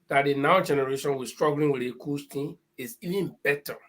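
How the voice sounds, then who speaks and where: A man's voice: fairly high pitch, fairly quick, a bit bright. A middle-aged man in a casual discussion, speaking with emphatic, preachy warnings.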